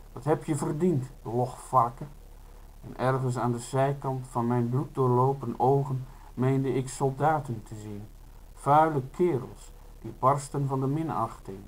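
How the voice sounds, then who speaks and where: A man reading his own literary prose in the first person. He takes his time over each line, in a steady mid-range voice at a leisurely, measured pace. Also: mid-range voice, low-quality recording. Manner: slow, measured, unhurried delivery.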